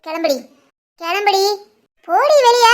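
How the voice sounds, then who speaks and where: A woman doing a shrill scolding mother-in-law. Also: animated, measured pace. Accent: Tirunelveli Tamil. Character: scolding proud middle-aged mother-in-law. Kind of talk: animated family story voice acting.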